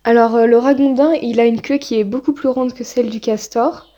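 A woman interviewing informally for a radio programme, speaking hesitantly with frequent pauses. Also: fairly high pitch, fairly even intonation. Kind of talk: informal street-style interview. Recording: dull, lo-fi field recording.

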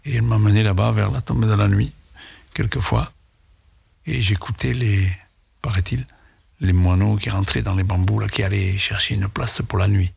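A man recalling childhood memories in a reflective, hesitant way, with halting phrases, for a sound documentary. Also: on the low side, steady tone, gravelly, a little mellow, husky. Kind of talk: personal reminiscence.

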